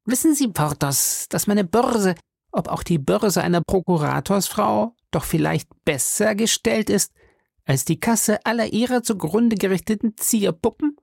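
Reader putting on a jealous lawyer's wife, wounded and pleading, raised lively voice, audiobook. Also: mid-range voice, measured pace, creaky, breathy edge, no room sound, clean studio sound, pitched above the performer's own voice, heavily acted. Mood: indignant. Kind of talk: audiobook character reading.

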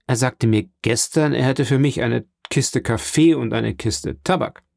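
A man's voice: medium pitch, measured pace, vocal fry, darkish tone, no echo. A man reading an audiobook and voicing a frail old father with a raised, strained voice. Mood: anxious hope. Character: frail old father, grieving and clinging to hope.

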